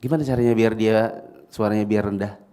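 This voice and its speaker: A middle-aged man gives a relaxed parenting talk in a mosque. His tone is mellow and dark, and he keeps it conversational. He asks the listeners questions and briefly acts out little dialogues. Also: fairly low pitch, fairly quick. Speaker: ustadz giving a parenting talk. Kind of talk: mosque study lecture.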